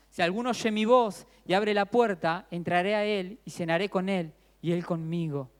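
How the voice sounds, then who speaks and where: A pastor preaching a sermon in an earnest way, often adding questioning tags and reading scripture aloud slowly. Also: male voice, high-pitched.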